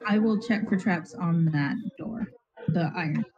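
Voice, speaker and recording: A woman's voice: lowish voice, measured pace, a loud crowd. Young woman, muffled video-call audio. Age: young adult. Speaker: tabletop game player. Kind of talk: casual game chat. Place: small room indoors, on a video call. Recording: dull video call, voices around.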